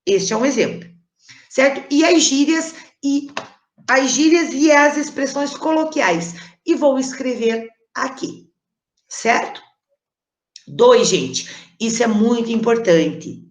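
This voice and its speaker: A woman teacher with a fairly high voice explains a lesson patiently, pausing often to check that her students follow. Her voice carries a roomy echo. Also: expressive. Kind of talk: recorded online class explanation.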